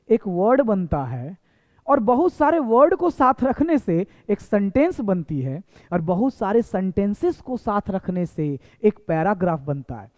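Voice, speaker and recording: A man's voice: high voice, a little mellow. A man teaching a basic English lesson, repeating points and asking rhetorical questions. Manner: repetitive, quizzing with rhetorical questions. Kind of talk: classroom lesson. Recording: echoey hall, tinny phone-like sound.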